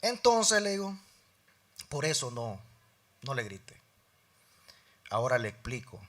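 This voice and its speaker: Taking it slowly and with big swings in pitch, a middle-aged man preaches in church as a lay preacher. He recounts a personal story, voicing both parties in the conversation, and moves from loud emphasis to quiet, low asides.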